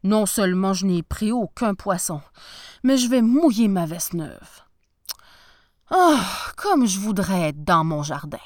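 A woman voicing an excitable, easily delighted male professor in a storybook reading, exclaiming in a high, breathless voice. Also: unhurried, dry recording, clean studio sound, close to an everyday voice. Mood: cheerful.

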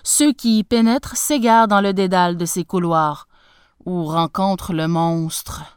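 A woman's voice: fairly low pitch, measured pace, smooth, no echo, clean studio sound, pitched below the performer's own voice, lightly acted. A woman voicing a grave, sorrowful old king speaking to his son, solemn and weighty.

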